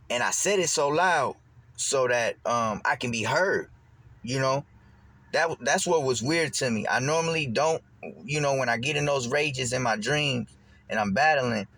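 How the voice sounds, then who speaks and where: A man's voice: mid-range voice, no room sound. Rambling man telling a story casually. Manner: rambling, repeats words and restarts, animated when quoting. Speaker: vlogger.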